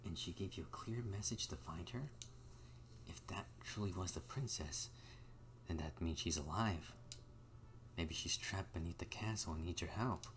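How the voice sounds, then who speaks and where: A man's voice: sits low, normal speed, a little hiss or hum. A man doing casual video game commentary, reading dialogue aloud as he plays. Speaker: gamer playing through a video game.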